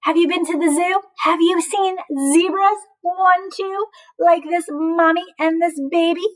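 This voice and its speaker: Speaking in a very high pitch, a woman reads a picture book to young children like their teacher, animated and encouraging. She often asks questions and pauses for answers, and the recording is rough.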